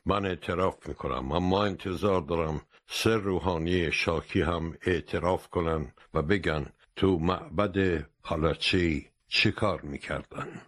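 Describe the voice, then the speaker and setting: A man doing a calm, unflappable English gentleman. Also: sits low. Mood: composed. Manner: composed and measured. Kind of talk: audiobook character voice.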